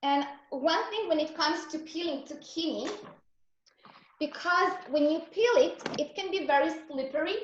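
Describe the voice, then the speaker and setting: A Serbian raw vegan chef with a Serbian accent leads a cooking class, giving earnest, encouraging step-by-step instructions. Her high-pitched voice sounds very echoey, with the high frequencies cut off.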